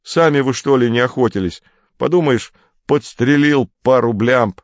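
A man's voice: mid-range voice, moderate pace, dry recording, dull audio, voice pushed up, lightly acted. A man reading aloud, voicing a guilty fourteen-year-old boy who grumbles and defends himself. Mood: defensive, grumbling.

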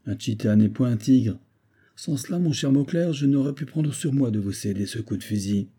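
A man's voice: on the low side, fairly quick, dark tone. A man reading aloud, voicing a brusque, commanding veteran hunter captain. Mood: offhand.

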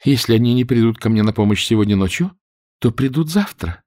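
A man voicing a frightened, furious noblewoman who shrieks and pleads in a high voice. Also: lively intonation, brisk, dark tone, no room sound, clean studio sound, close to an everyday voice. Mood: defiant. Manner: shrill, impatient, pleading. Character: frightened then furious noblewoman, young adult.

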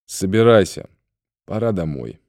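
A man voicing a gruff, dryly joking middle-aged man in an audiobook. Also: low voice, very animated, a little slow, a little mellow, dry recording, studio quality.

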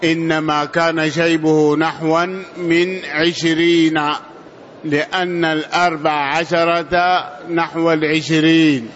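A man reads a classical text aloud for his teacher in a lesson, slowly and haltingly, tripping over names. His voice is fairly high for a man. The recording is dull and lo-fi. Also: flat delivery, fairly bright tone, slight background noise. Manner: halting reading, stumbles on names. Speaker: student reading the text aloud.

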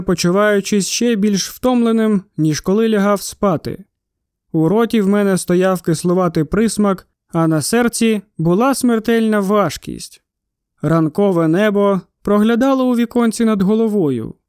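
A man narrates an audiobook in a steady storytelling manner. His voice is high and smooth, and it sits right on a close microphone in a dry, dead space. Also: no echo. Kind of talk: scripted narration.

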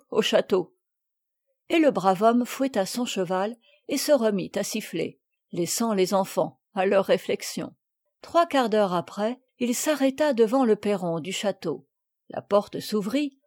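A woman reading a classic children's novel aloud in a clear, measured storytelling manner. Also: mid-range voice, a little mellow, dry recording, clean studio sound. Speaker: audiobook reader.

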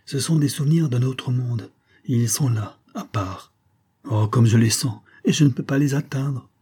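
A sorrowful young vampire woman from an audiobook, pleading and soft, her voice lifted well above a low husky base, as a man reads her part. The tone stays dark and mellow, with a breathy edge. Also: a little slow. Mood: melancholy, pleading.

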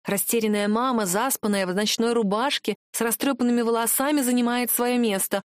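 A woman reads a first-person story aloud with a cold, sharp, accusing edge. Her voice sits a little high. The recording is dry and close. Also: a little fast, no room sound. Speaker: audiobook reader. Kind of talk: scripted first-person narration.

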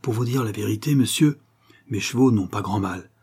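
An earnest, superstitious old coachman tells his master about the local ghost with a believer's respect, as a man puts him on. The voice sits higher than the reader's own, husky and mellow. It is an audiobook reading. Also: normal speed. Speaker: postillion.

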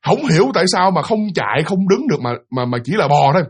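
Lively, fast-talking man. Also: on the high side, slightly rough. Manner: chatty, with many fillers, addressing the listeners directly. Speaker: storyteller. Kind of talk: casual spoken ghost story.

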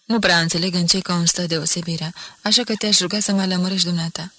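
A brisk, curious young army lieutenant who presses with blunt questions, as a woman reader puts him on. The voice is husky and lowish, recorded dry and close. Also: fairly even intonation, sharp tone, dry recording. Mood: probing. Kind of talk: audiobook reading.

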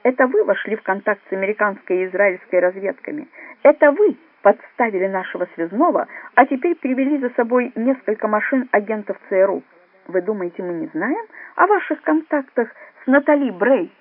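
A pompous Soviet spy chief, as a male reader puts him on, blustering and self-righteous, his voice leaping high and loud with gravelly edges. The storybook sound is dry and squeezed thin, like a phone line. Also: big pitch swings, normal speed, dry recording, exaggerated voice. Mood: indignant.

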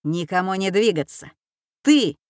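A woman's voice: on the low side, measured pace, dry recording, studio quality, natural voice. A woman voicing a harsh, bossy old woman who leads a gang and barks orders. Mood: furious. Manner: barking orders, shouting. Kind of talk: audiobook character voice.

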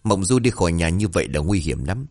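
Brusque village cop, quick and irritable, as a male narrator plays him. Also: deep voice, big pitch swings, darkish tone. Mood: softened. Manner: brusque, scolding. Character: gruff rural policeman, blunt and irritable.

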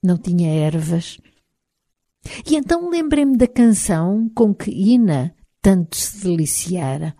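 A woman with a European Portuguese accent narrates a novel in the first person. Her voice sits a little low and sounds warm and mellow. She reads in a measured, expressive way, recorded dry with no room sound. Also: no room sound. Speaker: audiobook narrator.

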